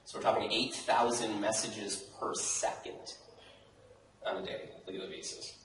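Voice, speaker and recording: A man's voice: fairly low pitch, flat delivery, a little slow, recorded from a distance, background noise. A man giving a casual technical talk at a college hackathon, chatty and often asking his audience "right?". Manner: casual, chatty presenter with frequent "right?" and laughs. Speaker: conference speaker. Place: lecture hall at a college hackathon. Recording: echoey hall recorded from afar.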